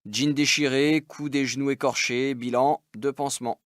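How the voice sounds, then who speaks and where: Textbook audio: a man playing a calm guy telling of a crash, matter-of-fact, dry close sound. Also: mid-range voice, normal speed, dry recording, close to an everyday voice. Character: adult man calmly recounting a scooter crash. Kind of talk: scripted textbook audio dialogue.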